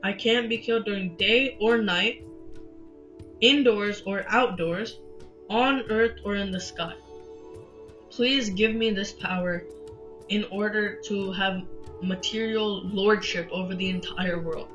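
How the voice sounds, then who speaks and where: A boastful demon king, full of himself, as a man reading the story puts him on. The voice is bright and forward. The sound is slightly dull and lo-fi, with faint music behind. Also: high voice, takes it slowly. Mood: demanding.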